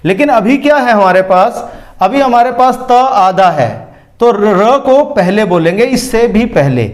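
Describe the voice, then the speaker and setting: Indian man, grammar teacher: high-pitched, unhurried, methodical, spells words out sound by sound. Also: lively intonation. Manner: slow, patient, spells words out piece by piece. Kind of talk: whiteboard lesson explaining spelling breakdown.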